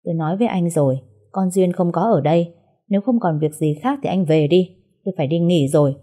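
A woman's voice: fairly low pitch, fast, dark tone, lightly acted. A woman voicing an indignant elderly father who scolds his son-in-law. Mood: stern. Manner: stern and breathless with anger.

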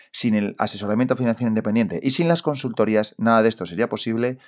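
A man with an accent from Spain speaks in a fairly low voice that sounds sepulchral and bunged up by a cold. He delivers a solo podcast monologue as its host, addressing the listener directly with emphatic, colloquial phrasing and rhetorical questions. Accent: Spanish from Spain. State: congested with a cold. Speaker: podcast host and independent financial adviser.

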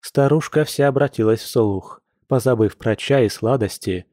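A man narrating an audiobook in an even, storytelling delivery. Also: medium pitch, moderate pace, dry recording, studio quality. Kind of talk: scripted narration.

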